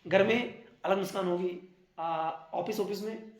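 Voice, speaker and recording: Animated high-voiced male teacher. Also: a little slow. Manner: animated, explains with everyday examples and acted-out asides. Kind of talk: classroom lecture. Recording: echoey classroom.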